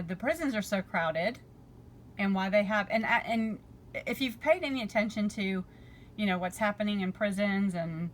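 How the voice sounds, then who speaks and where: Woman, casual political vlogger, reads and paraphrases with fillers, slightly worn voice, mid pitch, faint background noise. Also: rough recording. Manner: reads aloud, then paraphrases with fillers and restarts. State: losing her voice. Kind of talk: casual commentary reading from a bill.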